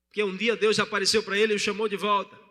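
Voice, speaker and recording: Male pastor, sermon, call-and-response, very bright tense tone, church hall reverb. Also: sits high, little pitch movement, racing. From Brazil.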